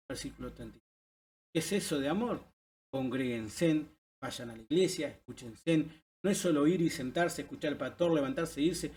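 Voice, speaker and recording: A man's voice: a little high, darkish tone. A man from Uruguay with a Uruguayan Spanish accent, preaching an earnest sermon-style video message that exhorts his audience in short, stacked phrases.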